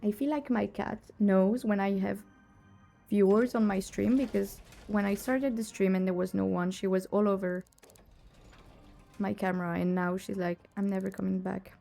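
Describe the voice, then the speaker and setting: Faint music plays behind a woman whose medium-pitched voice is steady, gravelly and dark, at a moderate pace. She has a cold that lowers her voice, and she chats casually on a live stream of a detective game, laughing often while playing.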